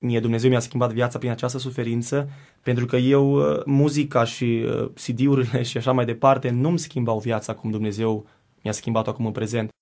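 A man speaks in a gravelly, creaky voice, telling his faith story in a TV studio interview. His delivery is earnest and reflective, and he often pauses and restarts as he searches for words. His pitch stays fairly even throughout. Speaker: guest singer. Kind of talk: personal faith testimony.

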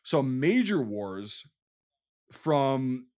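A man's voice: mid-range voice, big pitch swings, extremely slow, darkish tone. Emphatic man with a Wisconsin accent. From Wisconsin, USA. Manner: emphatic, profane, explanatory. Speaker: podcast co-host. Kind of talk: casual war history discussion.

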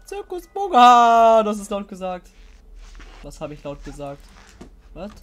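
A young woman streaming a horror game live, chatting with viewers, giggly and excitable, often laughing and shrieking. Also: lowish voice, measured pace, soft background music. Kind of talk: live-stream gameplay commentary.

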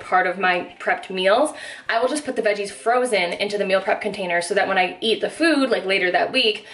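Standing in her home kitchen, a young vlogger talks to the camera about her grocery haul, chatty, upbeat, and full of "like" fillers. She has a mid-range, slightly bright voice, and there's a little noise in the background.

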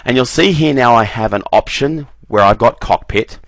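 A man giving a relaxed screen-recorded software walkthrough, often repeating "very, very" as he clicks through menus. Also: medium pitch, normal speed, vocal fry, no echo. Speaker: software trainer.

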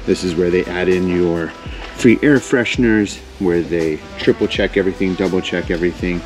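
A man's voice: low voice, steady tone, normal speed, darkish tone, soft background music. A man in his thirties hosting a casual, upbeat walk-through tour of a large warehouse on a lapel mic. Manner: upbeat, enthusiastic. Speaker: vlog host.

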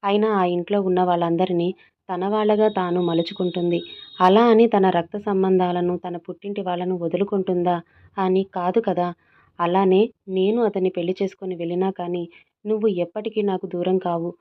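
A woman voicing a gentle young woman who comforts and reassures her best friend. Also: lowish voice, steady tone, normal speed, lightly acted. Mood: soothing. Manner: soothing and coaxing. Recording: tinny phone-like audio.

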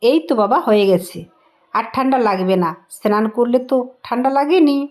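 High-pitched woman coaxing like a mom in a doll roleplay vlog, sweet n a bit scolding. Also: brisk. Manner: coaxing and affectionate, gently scolding. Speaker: vlogger playing a mother. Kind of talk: doll role-play vlog.

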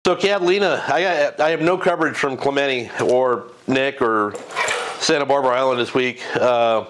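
A middle-aged man gives an off-the-cuff fishing report from his home garage, a green screen behind him and a lapel mic clipped on. His mid-range, fairly bright voice moves at normal speed amid slight background noise, rambling with many fillers and self-corrections.

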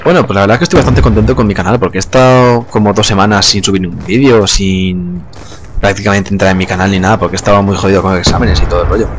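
Young guy doing gameplay commentary, lowish voice, laid back, gunfire going off behind him. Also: very fast, slight background noise. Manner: relaxed, chatty, swears casually, laughs often. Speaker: gaming youtuber. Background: game gunfire and explosions.

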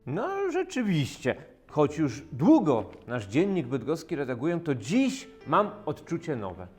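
Casting: male actor as proud 1920s editor, fairly high voice, lively theatrical swings, solemn historical audio drama. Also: measured pace, soft background music. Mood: proud, moved. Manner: solemn, exalted, declamatory. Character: proud, moved newspaper editor of long service, 1920.

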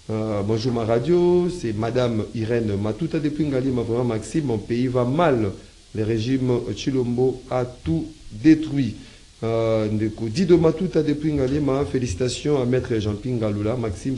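Man, host reading comments, mellow dark tone, halting with fillers. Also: medium pitch. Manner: halting reading with many fillers, mixing French and Lingala. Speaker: radio host reading listener messages. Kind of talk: reading viewer comments aloud on a talk show.

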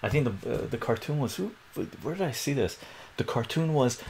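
Working at a whiteboard in a small home room, this math tutor chats his way through a lesson and keeps checking in with "right?". He's middle-aged, Iranian-born, and grew up speaking Armenian. His medium-pitched voice is animated, brisk and creaky with a darkish tone, over slight background noise.

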